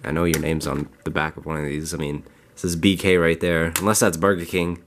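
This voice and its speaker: A young man with a raspy, just-woken-up voice, rambling casually as a vlogger showing off his games. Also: deep voice, level tone, fairly quick, a little hiss or hum. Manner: rambling, loose, lots of "like". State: just woke up, groggy. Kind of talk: casual unboxing chat.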